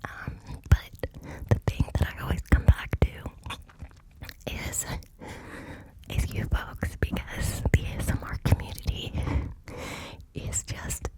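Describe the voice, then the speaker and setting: A woman's voice: takes it slowly, long pauses, poor audio. A woman whispering into cupped hands close to the mic, ear to ear, in a hesitant, informal ASMR ramble. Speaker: ASMR content creator. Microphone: close microphone, ear to ear.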